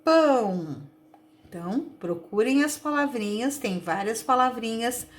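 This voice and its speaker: A woman teacher with a Brazilian Portuguese accent, slowly and patiently sounding out words for young children in a recorded lesson. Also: a little high, big pitch swings. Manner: slow, patient, sounds out words and stretches syllables. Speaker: primary school teacher.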